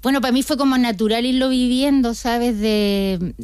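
A woman's voice: a little high, moderate pace, a little mellow, clean tone, no room sound, studio quality. Woman in her sixties, chatty. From Chile. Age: older. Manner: chatty, storytelling with many restarts. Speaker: guest. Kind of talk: radio interview.

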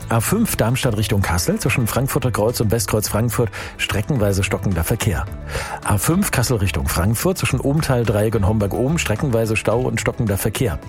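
A man's voice: lowish voice, normal speed, soft background music. Upbeat male radio host. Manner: cheerful, energetic presenting. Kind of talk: upbeat radio presenting with traffic report.

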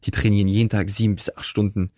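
A young man appearing as an interview guest tells his life story earnestly and reflectively, in casual conversational storytelling full of fillers and restarts. His voice is lowish and warm, his delivery flat and fast. The sound is studio quality with no echo.

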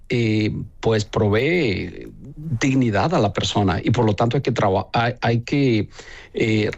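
A bishop from El Salvador answers interview questions slowly in a medium-pitched voice, with many pauses and fillers.

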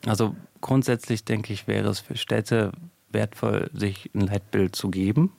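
A man being interviewed as a guest, laying out his points at length and pausing on fillers as he thinks. His voice is low with a gravelly edge and a dark tone. The studio recording is dry and close. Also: fairly even intonation, dry recording. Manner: explanatory, thinks aloud with fillers. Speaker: sociologist guest. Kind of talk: radio interview.

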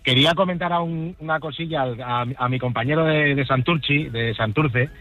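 A man's voice: fairly high pitch, moderate pace, phone-quality sound. Hesitant male caller from the Basque Country. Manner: hesitant, full of restarts. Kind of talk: phone-in chat.

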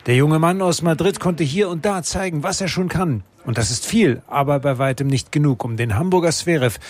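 A man delivering a scripted sports report with lively, emphatic narration. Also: fairly high pitch, a little fast.

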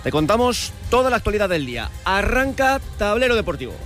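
A man hosting a late-evening radio sports show, presenting the day's news with brisk delivery. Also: high-pitched, sing-song, over loud music.

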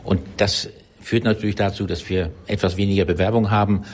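A man's voice: on the low side, steady tone, brisk, a little hiss or hum. A man in an interview clip, a bank board member speaking hesitantly with fillers.

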